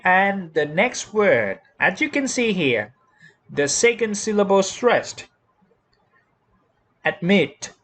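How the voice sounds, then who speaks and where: A man teaching English grammar with a Thai accent, explaining slowly and repeating each word and rule, spelling out letters one by one. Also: high voice, a bit bright, breathy edge. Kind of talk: slow classroom explanation.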